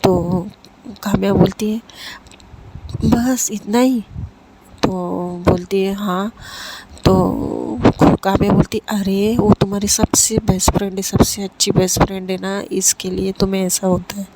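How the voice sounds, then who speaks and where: A woman's voice: mid-range voice, moderate pace. A woman casually telling a serialized love story, lightly voicing the characters in her own voice, with frequent fillers and restarts. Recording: steady background noise.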